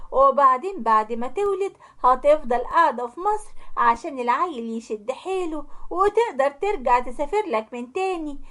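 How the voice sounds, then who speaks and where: A woman's voice: sits high, fairly bright tone. Woman playing a scornful Egyptian mother-in-law. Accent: Egyptian Arabic. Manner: mocking, scolding, nagging.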